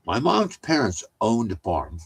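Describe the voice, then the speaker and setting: A man's voice: medium pitch, sing-song, unhurried, creaky, slightly rough, low-quality recording. An older man telling family stories at home in a rambling, casual way, with many restarts and side remarks. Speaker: storyteller.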